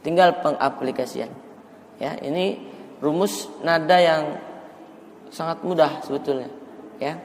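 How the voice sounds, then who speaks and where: A man teaching melodic Quran recitation in a mosque, explaining the rules calmly and then chanting verses slowly to show the tune. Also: on the high side, big-room sound, a little hiss or hum. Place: mosque hall.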